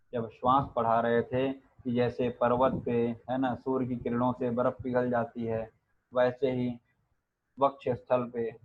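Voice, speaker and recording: Lecturing man over a tinny line. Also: medium pitch. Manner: chants Sanskrit verses, quizzes students with rhetorical questions. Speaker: Ayurveda lecturer. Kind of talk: classroom lecture. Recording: narrow phone-like sound.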